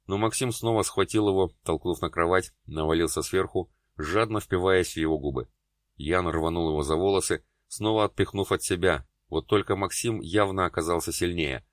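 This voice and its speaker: A man narrating an audiobook in a steady, even reading. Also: deep voice, no echo, studio quality. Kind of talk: scripted narration.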